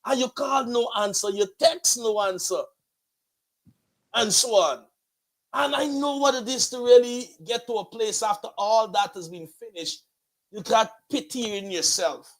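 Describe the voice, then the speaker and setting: This host and pastor of a motivational online show has a Guyanese accent and a voice that sits high. He preaches unhurriedly, with emphatic, flowery phrasing that keeps repeating itself, and the recording is rough.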